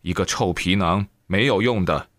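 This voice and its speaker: A man with a fairly low voice reads a Buddhist book aloud, telling it as a lively story full of exclamations. The sound is dry and close, with no room around it. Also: normal speed, no echo. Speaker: reader.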